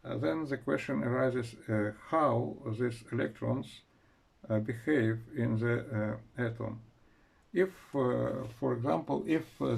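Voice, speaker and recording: Slow gravelly man lecturing physics. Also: medium pitch, darkish tone. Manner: slow, halting, frequent "uh" pauses while writing. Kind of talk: university lecture.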